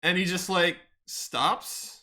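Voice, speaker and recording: A man runs a tabletop game with a bright, ringing voice. He narrates in a loose, casual way. He swears now and then. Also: sits high, steady tone, takes it slowly. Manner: casual, laughs often, swears. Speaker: game master.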